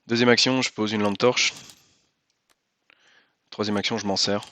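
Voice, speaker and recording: A man hosts and plays a cooperative card game, casually commenting as he thinks aloud about rules and moves, repeating himself for emphasis. His lowish voice is sharp and level, delivered at normal speed with no room sound.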